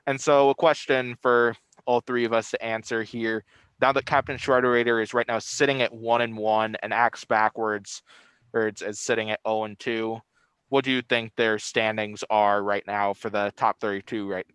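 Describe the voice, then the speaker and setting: A man's voice: lowish voice, level tone, moderate pace, a bit bright, clear, resonant tone, dry recording. A man speaking through a face mask as he hosts a casual video recap, rambling a little and repeating phrases. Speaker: host.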